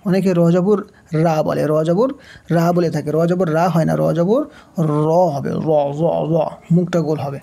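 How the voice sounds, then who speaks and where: Guy teaching quran reading, spells out every letter, asks then answers himself, warm mellow tone. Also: on the high side, moderate pace, vocal fry. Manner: drills letter by letter, asks and answers his own questions; stretches chanted recitation of verses. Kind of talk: step-by-step Quran reading lesson.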